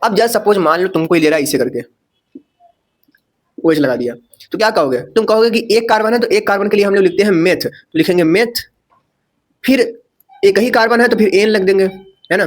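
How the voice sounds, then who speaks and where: High-voiced chatty male chemistry teacher. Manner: chatty, asks rhetorical questions, jokes and corrects himself. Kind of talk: casual chalkboard lecture.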